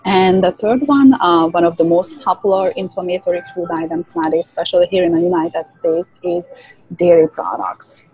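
A woman's voice: on the low side, normal speed, a little mellow, low-quality recording. A woman in her thirties with a Hungarian accent, a native Hungarian speaker, explaining earnestly and at length as a guest in a podcast interview, with frequent fillers. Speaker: guest, licensed esthetician.

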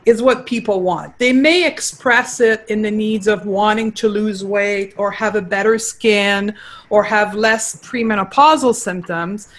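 A woman's voice: mid-range voice, measured pace, poor audio. French-Canadian woman guest explaining nutrition. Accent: Quebec French. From Quebec, Canada. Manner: earnest, explaining, frequent restarts. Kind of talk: casual interview talk.

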